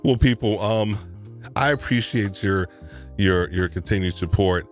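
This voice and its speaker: Deep-voiced New man, rambling host. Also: unhurried, faint music behind. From New York. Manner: rambling, with frequent restarts and repeated words. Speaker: live stream host. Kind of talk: casual live stream chat.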